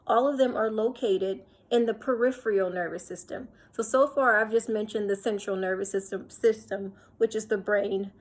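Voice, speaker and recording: Female lecturer, mid pitch, talks through slides step by step, repeats herself, frequent um and uh. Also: steady tone, normal speed, few pauses. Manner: explains step by step, repeats points, many fillers and restarts. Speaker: teacher. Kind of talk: recorded lecture over slides.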